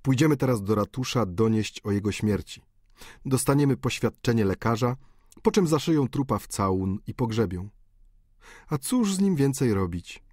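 A man's voice: mid-range voice, animated, normal speed, a little mellow, no echo, studio quality, natural voice. A male audiobook reader voicing a young medical student who speaks bluntly and matter-of-factly. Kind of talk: audiobook character reading.

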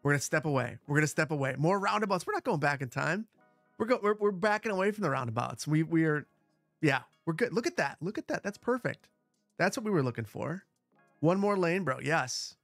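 A man with a boomy, bass-heavy sound on a close broadcast microphone, chatting casually and repeating short phrases as he hosts a gaming livestream. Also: expressive, brisk, a bit bright, no room sound, soft background music. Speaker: livestream host, gamer. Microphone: close broadcast dynamic microphone.

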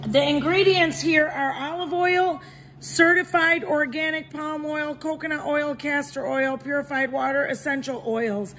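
A woman's voice: high voice, a bit bright. A woman in her forties, a shop owner, chatting enthusiastically about products at her market stall, filmed on a phone. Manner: chatty, enthusiastic, keeps saying okay guys. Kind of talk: product demo vlog. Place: indoor market stall with shelves. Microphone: handheld phone camera. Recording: echoey market hall with background noise.

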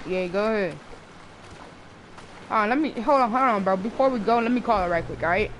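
A young woman with a mid-pitched voice talks in loose slang during a game role-play. She tends to give orders to her partner. Clear game and vehicle noise sits behind her. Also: fairly quick. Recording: noisy game stream with vehicle sounds. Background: game engine and ambience noise.

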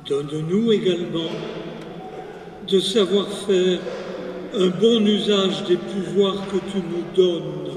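A man who is a parish priest, slowly leading prayers and reading the Gospel in a solemn, measured way. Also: sits high, a little mellow, distant mic. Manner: slow, solemn, measured delivery. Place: large church. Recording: echoey church recorded from afar, faint noise.

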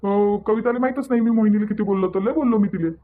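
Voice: mid-range voice, fast, phone-quality sound, natural voice. A performer voicing an earnest young husband who pleads and defends himself, with a Varhadi Marathi accent. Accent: Vidarbha Marathi (Varhadi). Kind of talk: cartoon voice acting.

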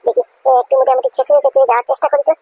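Cartoon comedy: a woman doing a sulky, greedy wife, high-voiced, chattering at top speed, dry close recording. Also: expressive, warm tone, no echo, rough recording. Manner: rapid, chattering, complaining. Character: sulking stubborn wife, greedy for biryani.

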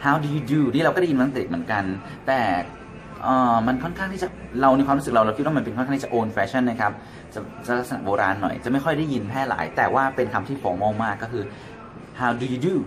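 A man's voice: medium pitch, lively intonation, fast talker, a crowd in the background. Thai man teaching casual English phrases. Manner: switches between English and Thai, acts out example phrases. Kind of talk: casual language lesson.

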